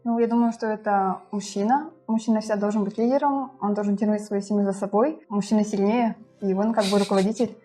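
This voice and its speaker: A woman's voice: medium pitch, steady tone, quick pace, few pauses, mellow, soft background music. A woman in her twenties chatting assertively in a casual couple Q&A, laughing often. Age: 20s. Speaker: interviewee, wife. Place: studio.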